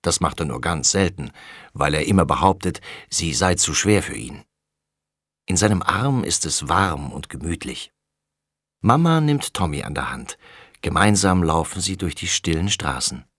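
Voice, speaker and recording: Ein Mann, der ein Kinderhörbuch sanft und ausdrucksvoll vorliest. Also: male voice, sits low, moderate pace, no echo, studio quality. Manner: gentle, expressive storytelling. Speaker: audiobook reader. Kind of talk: children's storybook narration.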